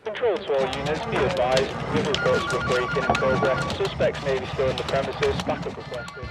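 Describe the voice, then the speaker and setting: A man's voice: mid-range voice, huge pitch swings, brisk, over loud music. A man playing a police dispatcher, heard through a police radio calling all units. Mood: urgent. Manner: clipped official radio call. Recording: distant radio transmission.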